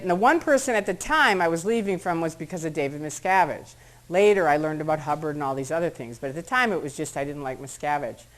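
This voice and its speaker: Middle-aged American woman, slightly low voice, lively first-person account to a crowd, voices the people she quotes. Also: rough recording. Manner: animated storyteller acting out quotes in shifting voices. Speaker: speaker at a public talk. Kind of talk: personal story told to an audience. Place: meeting room before an audience.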